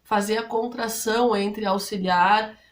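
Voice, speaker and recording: A woman's voice: mid-range voice, steady tone, a little slow. A woman speaking Brazilian Portuguese, explaining English grammar rules to students step by step and often checking in with her listeners. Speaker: English teacher.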